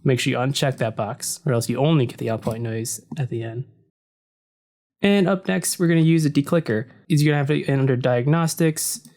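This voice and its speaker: Speaking at a moderate pace, a man with a deep voice casually explains a piece of software in a screen-recording walkthrough, leaning on "so" and "uh" as he goes. His desk mic points at the computer screen, and the room he's in isn't soundproofed.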